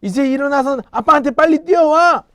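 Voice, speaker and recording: A man voicing a frantic father who shouts urgent warnings to his young son in a children's story. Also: extremely high pitch, a little fast, no echo, voice pushed up. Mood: urgent shouting.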